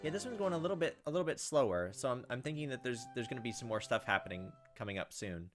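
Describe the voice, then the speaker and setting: Faint music sits behind a medium-pitched, animated man who talks fast as he reads a visual novel for a gaming video. His commentary is casual, reacting to the text with occasional profane asides.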